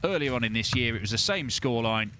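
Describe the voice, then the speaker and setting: A man delivers live darts commentary in a bright, forceful voice at a middling pitch. There is faint venue noise behind him. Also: lively intonation, fast talker.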